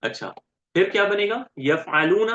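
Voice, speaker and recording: Male grammar teacher, fairly high and animated voice, drills syllables, keeps asking "right?", roomy dull lo-fi recording. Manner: keeps checking with "right?" and quizzing students; spells out syllables slowly and repeats them. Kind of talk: classroom lecture.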